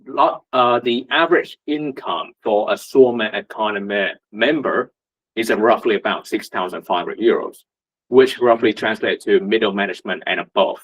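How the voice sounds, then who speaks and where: A Vietnamese man, speaking as a union representative, gives a conversational presentation at a meetup, packed with rhetorical questions and fillers. His voice is lowish, slightly rough and a bit bright, at a normal speed. The recording is muffled and lo-fi.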